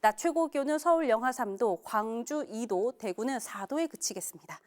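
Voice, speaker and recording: A young woman giving a scripted broadcast weather report as the forecaster, in a crisp, measured newsreader delivery. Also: a little high, expressive.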